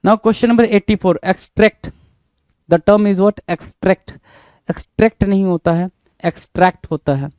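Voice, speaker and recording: A man's voice: high voice, darkish tone, clear, resonant tone, dry recording. A male teacher spells words letter by letter, repeating each one and marking the correct answer as he calls out to his students. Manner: brisk, addresses students as "bhai". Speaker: English teacher.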